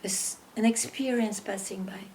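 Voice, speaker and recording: A woman spiritual teacher speaking in a gentle, measured way at a satsang. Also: medium pitch, fairly even intonation, background noise. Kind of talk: satsang talk.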